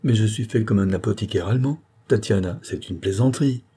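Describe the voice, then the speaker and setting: Man doing a jolly mischievous gentleman, mock-dramatic, warm dark tone. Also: lowish voice, fairly quick, slightly rough. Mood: mock horror. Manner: laughing mock-dramatic exclamations.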